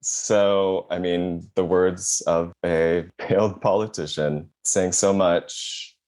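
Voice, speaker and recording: Very deep-voiced wry male podcast host. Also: steady tone, slow pace, a little mellow. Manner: wry, reads press quotes with asides. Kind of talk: casual podcast chat.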